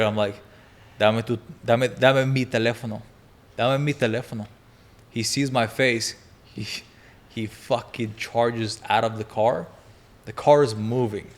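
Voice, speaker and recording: As a guest on a podcast, this twenty-something man recounts a wild story casually, cursing freely and laughing throughout with lots of energy. His voice sits at a medium pitch.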